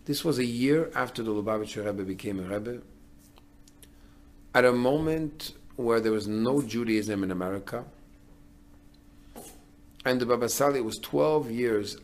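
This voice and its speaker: A man's voice: mid-range voice, unhurried, long pauses. A middle-aged man, a rabbi, giving a sermon in an earnest way, building to emphatic declarations.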